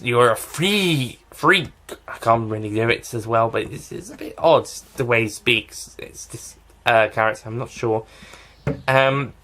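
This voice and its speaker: A man's voice: mid-range voice, sharp tone. A man giving a casual spoken review of a TV series, rambling and often restarting and correcting himself.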